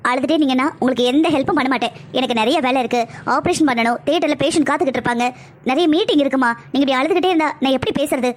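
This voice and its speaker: A woman voicing a busy female doctor in a cartoon, talking in a brisk, commanding but reassuring way. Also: high-pitched, natural voice. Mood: stern reassurance. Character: calm, firm female doctor, a busy pediatrician. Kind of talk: cartoon voice acting.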